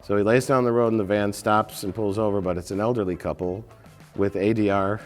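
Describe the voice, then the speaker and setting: A man's voice: fairly low pitch, steady tone, fairly quick, big-room sound, faint music behind. A middle-aged man giving a casual, comic recap of a film in a panel discussion. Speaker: show panelist recapping films. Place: indoor studio panel.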